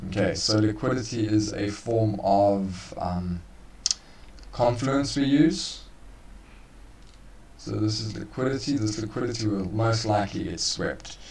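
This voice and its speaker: A man's voice: lowish voice, unhurried, creaky, a little mellow. A man co-hosting a live trading stream, casually walking listeners through chart analysis. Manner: casual, laid-back, calls listeners bro. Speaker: trading co-host. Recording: roomy, far from the mic.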